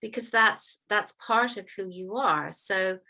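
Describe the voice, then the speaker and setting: Bright-voiced American woman teaching a workshop. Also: mid-range voice, vocal fry. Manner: measured, stresses words slowly. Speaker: workshop leader. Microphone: video call.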